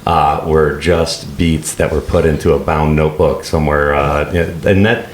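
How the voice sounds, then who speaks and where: A man's voice: rumbling low, steady tone. A man rambling in a casual podcast chat, stopping often on filler sounds. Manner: halting, many uh fillers, rambling. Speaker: podcast guest. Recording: roomy studio with faint hiss.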